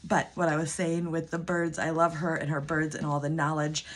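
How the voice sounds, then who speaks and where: Talking casually to her camera at home, a woman in her thirties who runs a budgeting vlog uses a low-pitched, flat voice at a moderate pace. Her voice is going, and she wanders along with ums and restarts.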